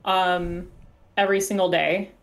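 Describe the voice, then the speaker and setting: A woman guesting on a podcast, chatting in a relaxed way and pausing often to search for words. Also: fairly low pitch. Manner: relaxed, halting with fillers. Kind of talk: casual chat.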